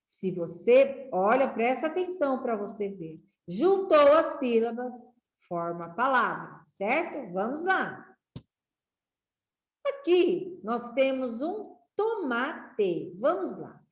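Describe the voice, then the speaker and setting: A woman teacher sounding out syllables for young children in a slow, patient, encouraging way. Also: on the high side, sing-song. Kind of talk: children's literacy lesson. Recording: echoey room.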